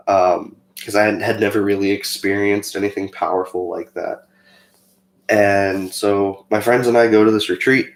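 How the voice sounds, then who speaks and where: A young man telling a personal story in a casual, chatty way, rambling with fillers and turning animated when he quotes himself. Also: on the low side. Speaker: co-host of a faith channel. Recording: echoey room.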